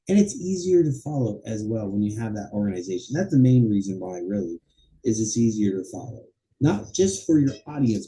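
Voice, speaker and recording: A man teaching a college public speaking class, lecturing casually and acting out quick everyday dialogue as examples. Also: mid-range voice, warm tone, rough recording. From Los Angeles area. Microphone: webcam or computer mic while presenting slides.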